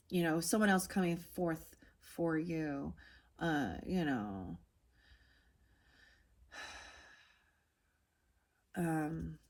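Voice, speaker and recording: A woman in her forties with a somewhat low-pitched voice gives a casual spoken tarot reading. She rambles, circling back on herself with lots of "um" and "like" and frequent restarts. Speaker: tarot reader.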